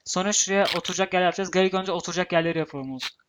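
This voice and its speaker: A man's voice: sits high, racing, background noise. A man hosting a casual game video in a chatty way, with frequent fillers between thoughts. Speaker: gaming channel host. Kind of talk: casual let's-play chat.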